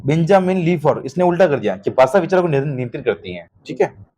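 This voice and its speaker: A man's voice: on the high side, lively intonation, quick pace, a little mellow. A man teaching an exam-prep lesson, constantly checking understanding with short questions and calling students "beta". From Rajasthan.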